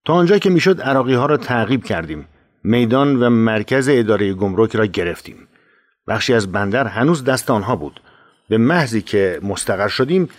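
A man reading a first-person war memoir aloud, grave and steady with dramatic emphasis. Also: lowish voice. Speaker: memoir narrator.

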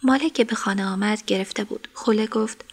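A woman narrating a story in an even, measured voice. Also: medium pitch.

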